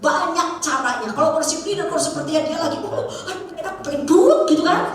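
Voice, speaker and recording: A woman preacher, telling stories in an animated, laughing sermon to young people. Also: sits high, fast, over a noisy crowd. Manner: animated storytelling with laughs and acted quotes. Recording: echoey hall, mic from far off.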